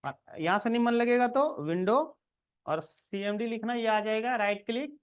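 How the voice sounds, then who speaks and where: A man's voice: very high voice, moderate pace, smooth. A man giving a casual screen-recorded coding lesson, talking the viewer through each step and checking in often. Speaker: programming tutor.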